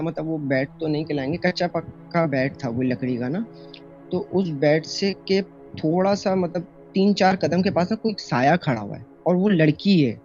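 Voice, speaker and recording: A man's voice: on the high side, a little mellow. A young man from Pakistan telling a personal horror story in a casual, rambling way, full of fillers and restarts, recorded as a phone voice note. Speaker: storyteller sharing a personal encounter. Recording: dull lo-fi voice note, faint music.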